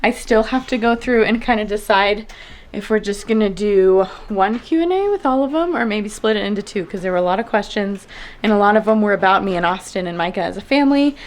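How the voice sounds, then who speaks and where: A woman in her twenties, a family vlogger, chatting casually to camera and sometimes lifting into a high sing-song voice for her toddler. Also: lively intonation, a little fast. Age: 20s. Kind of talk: casual vlog chat. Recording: roomy home recording with faint music.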